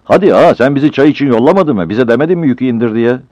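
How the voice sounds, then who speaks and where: A man voicing a rough, quarrelsome young village porter who talks coarsely and combatively. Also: mid-range voice, big pitch swings, very fast, a little mellow, no room sound, pitched above the performer's own voice, lightly acted. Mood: pleading. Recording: dull lo-fi dry recording.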